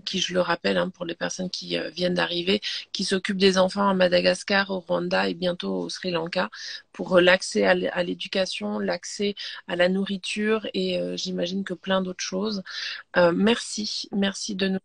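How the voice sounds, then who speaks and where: Hoarse woman host losing her voice. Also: medium pitch, no echo. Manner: grateful, warm sign-off, hesitant. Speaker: host of a daily live interview series. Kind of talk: casual live video interview.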